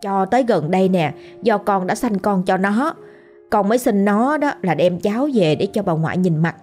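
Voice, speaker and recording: A woman's voice: medium pitch, lively intonation, normal speed, a little mellow, soft background music, natural voice. A woman voicing a grieving drowned ghost woman, a young mother, pleading tearfully. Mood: sorrowful pleading.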